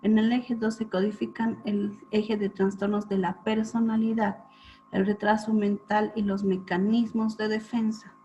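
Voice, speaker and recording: A woman lecturing students on clinical topics, explaining step by step and often checking in with a quick question. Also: mid-range voice, level tone, dark tone, faint music behind. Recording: dull lo-fi recording with faint hum.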